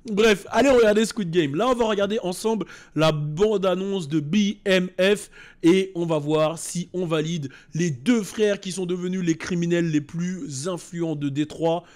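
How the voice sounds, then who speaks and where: A man's voice: sits high, measured pace, a little mellow. A man ranting casually while reacting to a trailer, swearing often and mimicking other people's voices. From France.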